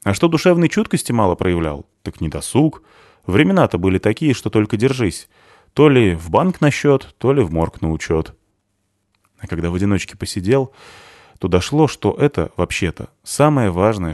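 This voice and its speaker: A man voicing a gruff, sardonic ex-soldier who talks rough and dry while looking after a boy. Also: fairly low pitch, sing-song, moderate pace, a little mellow, dry recording. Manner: dry, mocking, rough-spoken. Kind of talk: audiobook character reading.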